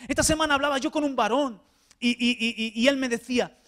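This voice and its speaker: A man preaches a fervent sermon in church. He drops to near-hushed tones, then rises to loud, ringing exhortation, often stumbling over repeated little words as he goes. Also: extremely high pitch, fast. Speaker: pastor. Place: church before a congregation.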